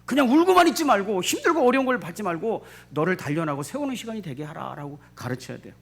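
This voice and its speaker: A middle-aged man preaching with a high voice that swoops up and down. He is emphatic and keeps repeating key phrases. He keeps asking the congregation rhetorical questions. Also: sing-song, quick pace, vocal fry, fairly bright tone, slightly rough. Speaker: pastor. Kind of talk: sermon.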